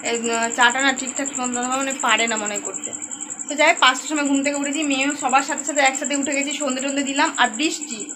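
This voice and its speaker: Young woman vlogger, high voice, chatty home talk, noisy phone recording. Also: steady tone, quick pace, pushed and bright. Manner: chatty, talks to viewers and coos at her baby daughter; whispers while the baby sleeps. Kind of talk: casual daily vlog talk.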